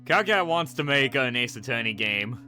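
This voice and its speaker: A man giving excited let's-play commentary and reading game text aloud. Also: mid-range voice, moderate pace, faint music behind. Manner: excited, reacts and reads on-screen text aloud. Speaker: gaming video creator.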